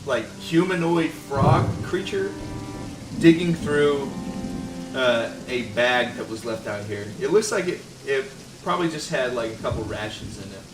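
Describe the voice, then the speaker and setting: A man's voice: mid-range voice, lively intonation, a little slow, reverberant, recorded from a distance, poor audio. A man running a tabletop game as game master, narrating casually and laughing often.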